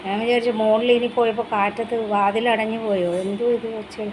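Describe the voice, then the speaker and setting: A woman's voice: little pitch movement, a little fast. Woman, casual home vlog, chatty, faint background hiss. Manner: chatty, switches to high coaxing calls to her dog. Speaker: pet vlogger. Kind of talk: casual chat to camera. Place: home in a city in India.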